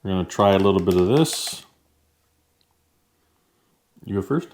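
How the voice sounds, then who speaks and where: Low-voiced easygoing man. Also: lively intonation, measured pace, darkish tone, slight background noise. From United States. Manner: easygoing, chatty, talks while eating. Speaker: vlogger. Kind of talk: casual food-tasting chat.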